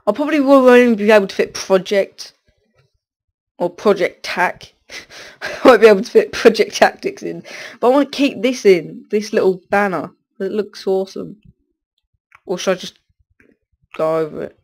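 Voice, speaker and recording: With a high voice, lively intonation and a moderate pace, a teenage boy fighting a stuffy cold narrates his gameplay casually. He pauses often, rambles, and keeps abandoning sentences partway through, sounding distracted.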